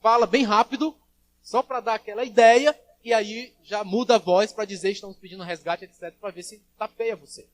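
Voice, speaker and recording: A man preaches to his congregation in a fairly high voice. He rises to loud, ringing calls and drops to low, quiet asides. He acts out the voices of the people he quotes. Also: fairly even intonation, brisk. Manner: preaching with big swings in loudness, acting out quoted voices. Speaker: pastor. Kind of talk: sermon. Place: church service.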